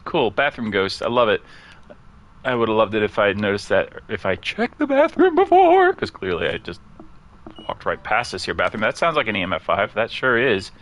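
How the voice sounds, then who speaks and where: A man giving casual let's-play commentary at home, chatty and quick to laugh, chatting about his cat as he plays. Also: fairly low pitch, sharp tone. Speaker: gaming streamer. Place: at home near a couch.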